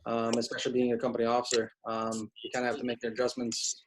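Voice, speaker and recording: Flat-voiced man with hesitant answers. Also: medium pitch, fast talker, slight background noise, low-quality recording. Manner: hesitant, many "um" fillers. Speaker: fire company officer, workshop attendee. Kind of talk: casual answer in a group call.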